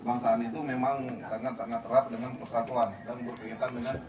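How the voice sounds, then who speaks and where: A man's voice: medium pitch, flat delivery, fast talker. A man in his forties lecturing youth. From Belitung, Indonesia. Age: 40s. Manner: repetitive, explaining, asks the audience questions. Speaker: police officer giving a talk to youth. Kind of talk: speech to a youth group. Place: outdoor sports field gathering. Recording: roomy, distant, noisy outdoor recording.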